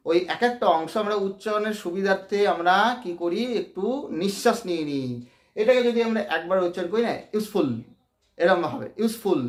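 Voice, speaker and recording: A man with a Bengali accent teaching English grammar, explaining patiently, saying words slowly and checking that students follow. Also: high-pitched, reverberant. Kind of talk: classroom grammar lesson.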